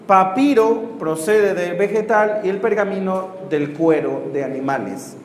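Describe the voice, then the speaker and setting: A man, a missionary priest, teaches a Bible course to a class. He asks rhetorical questions, corrects himself and pauses to write on the board. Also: sits high. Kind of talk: classroom lecture with questions to students. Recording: roomy hall reverb, faint background noise.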